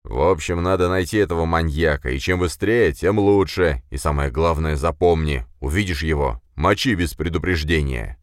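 A man voicing a fat, bossy middle-aged police chief who shouts and blusters. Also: extremely low pitch, moderate pace, few pauses, dry recording, clean studio sound. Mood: blustering, angry.

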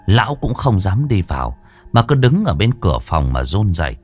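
A man narrating a ghost story with a dramatic, drawn-out delivery. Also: low voice, sing-song, darkish tone, soft background music.

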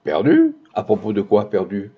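A man's voice: lowish voice, wildly swooping pitch, moderate pace, breathy edge, heavily acted. A man voicing a startled, anxious young man in an audiobook, speaking in a questioning way. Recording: dull lo-fi recording.

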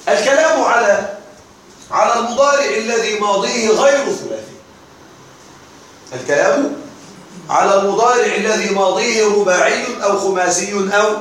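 A man's voice: sits high, moderate pace, pauses often, a bit bright, slight background noise. A man teaching a classroom grammar lesson. He asks the class questions and answers them himself. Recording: echoey room recorded from a distance.

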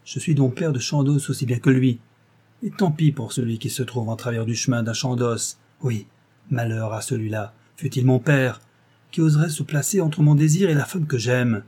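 A man's voice: fairly low pitch, flat delivery, normal speed, few pauses, warm tone, slightly rough. A man voicing a passionate, jealous young nobleman who speaks vehemently, in an audiobook reading. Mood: impassioned. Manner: impassioned, vehement.

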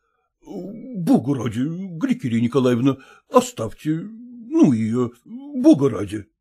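A fussy elderly professor frets and pleads in a husky, mellow voice, as a man reads him in an audiobook. His speech rises and falls a lot, drawn out when he tries to calm a quarrel. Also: fairly high pitch, heavily acted. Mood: soothing. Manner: fretful, soothing, drawn-out pleading. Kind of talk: audiobook character reading.

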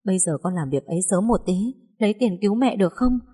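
A woman's voice: fairly low pitch, animated, normal speed, dark tone, husky. A woman voicing a desperate, indebted mother who tearfully pleads with her daughter. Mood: pleading.

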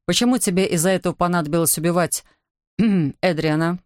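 A woman's voice: fairly low pitch, brisk, a little mellow, no room sound, clean studio sound, natural voice. Woman voicing a stern, curt grown man. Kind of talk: audiobook narration.

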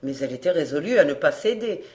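A woman reading a classic detective novel aloud for an audiobook, measured and even. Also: low-pitched. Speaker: audiobook reader.

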